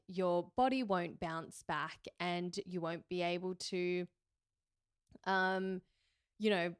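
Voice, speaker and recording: A woman in her 30s hosts a solo podcast, reflecting candidly on her own life with fillers and self-corrections. Her fairly low voice has a clean tone, recorded dry with clean studio sound.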